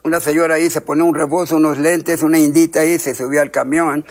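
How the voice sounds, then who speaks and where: A man's voice: fairly high pitch, level tone, fast talker. An older man from Texas, a trumpeter, chatting in a radio interview and rambling through long lists of names. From Texas, USA. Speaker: trumpeter guest.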